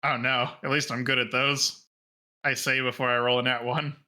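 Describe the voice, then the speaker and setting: A man's voice: mid-range voice, little pitch movement, moderate pace, bright, forceful tone. A man playing in a tabletop role-playing game, joking and laughing often. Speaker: player. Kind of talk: casual tabletop play.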